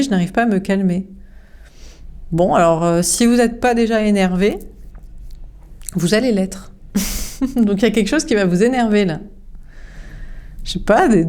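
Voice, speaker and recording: A woman's voice: medium pitch, darkish tone, clean tone. A young woman giving a casual tarot reading, frank and chatty, with many fillers. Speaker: tarot card reader.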